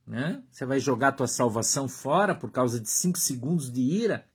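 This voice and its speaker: A man preaching a sermon as pastor, in Brazilian Portuguese, emphatic, repeating short phrases and dropping to a hush. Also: mid-range voice, expressive, normal speed, slightly rough.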